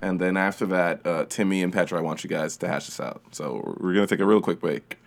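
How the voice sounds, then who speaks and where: A man hosting an improvised comedy podcast, playful and quick to laugh as he questions the guests. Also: deep voice, gravelly. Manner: playful, laughs often, interviewer tone. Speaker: podcast host.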